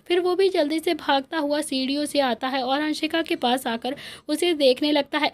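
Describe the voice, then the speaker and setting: A woman narrating an emotional family romance story, giving the characters' dialogue with feeling. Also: high-pitched.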